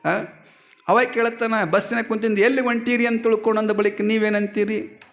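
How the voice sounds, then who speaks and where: A man, a swami giving a sermon. He tells a story in an animated way, acting out the dialogue and asking the audience questions. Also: high-pitched, normal speed. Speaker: swami giving a religious discourse.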